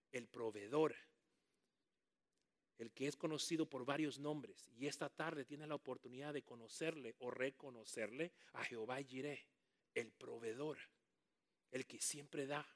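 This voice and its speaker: A man preaching a sermon, animated and calling on the congregation to repeat words after him, with jokey asides. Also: medium pitch, unhurried. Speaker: pastor.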